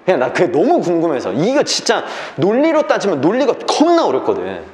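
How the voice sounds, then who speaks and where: A man's voice: sits high, huge pitch swings, brisk, darkish tone, reverberant. A man teaching an English reading class, lecturing and often checking that the students follow.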